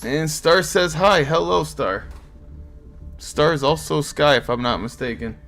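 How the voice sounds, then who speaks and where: A Portuguese-accented man hosts a card game tournament on a live stream, chatting casually and answering viewer comments in an easygoing way. His voice is on the high side and fairly bright, his pace unhurried, with soft music playing in the background.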